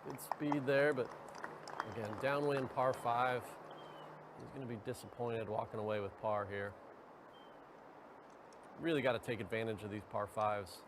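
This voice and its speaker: A man giving live golf commentary in a measured, analytical way. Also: medium pitch, fairly even intonation. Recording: outdoor ambient noise behind voice.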